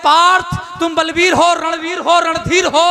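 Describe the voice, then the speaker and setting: Man, poetry recital, very high pitch, bright forceful tone, declamatory delivery, repeated couplets. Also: flat delivery, a little slow, vocal fry. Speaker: poet on stage. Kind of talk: Hindi devotional poetry recital at a poets' gathering. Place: poets' gathering before an audience. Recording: live stage microphone, faint crowd behind.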